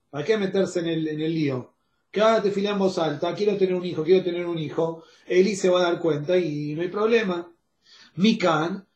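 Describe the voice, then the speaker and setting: A man's voice: high-pitched, darkish tone, highs cut off. A man with a Rioplatense Spanish accent, teaching an online Talmud class step by step and often checking in with his students. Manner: explains step by step, checks in with "¿está bien?". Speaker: Torah teacher. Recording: roomy echo.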